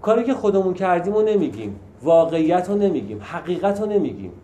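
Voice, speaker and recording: Man, group leader, emphatic teaching, acts out examples, mellow tone, echoey room, faint background noise. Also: high voice, big pitch swings. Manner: emphatic, asks rhetorical questions, acts out examples.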